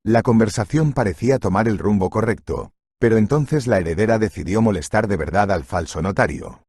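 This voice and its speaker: A man narrating a scripted story in an even, steady reading voice. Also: fairly low pitch, a little fast, breathy edge, no echo, clean studio sound.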